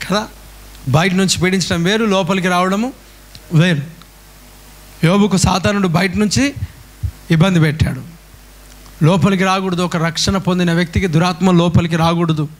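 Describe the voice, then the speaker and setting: A man's voice: high voice, a bit bright. A male pastor preaching a call-and-response sermon, firing repeated rhetorical questions at his congregation.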